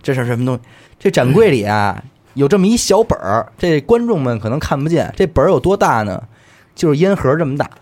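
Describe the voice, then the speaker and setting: Animated man with a Beijing accent. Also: fairly high pitch, brisk. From Beijing, China. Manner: colloquial, slangy, teasing, rhetorical questions. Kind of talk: casual comic storytelling among friends.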